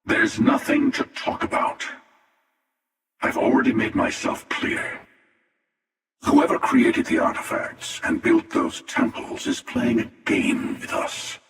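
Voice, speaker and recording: A man playing The Hunter, a cynical, menacing older villain in a video game, with a breathy rasp and a slow, sardonic, world-weary delivery. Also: medium pitch, fairly bright tone, exaggerated voice. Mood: cold menace. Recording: long echoing reverb, distant from mic.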